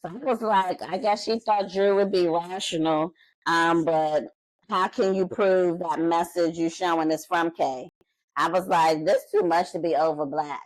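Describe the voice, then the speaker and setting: A woman's voice: fairly low pitch, steady tone, a little slow, no echo, poor audio. Blunt, shady woman recapping reality TV. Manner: blunt, shady, acts out quotes. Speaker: podcast co-host. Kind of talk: casual recap chat.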